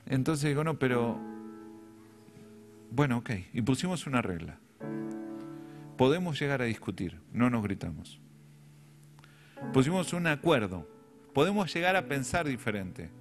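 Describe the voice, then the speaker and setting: A man's voice: mid-range voice, sing-song, normal speed, pauses often, soft background music. A middle-aged man with a Rioplatense Spanish accent, preaching a sermon as a pastor and telling stories with self-deprecating humor.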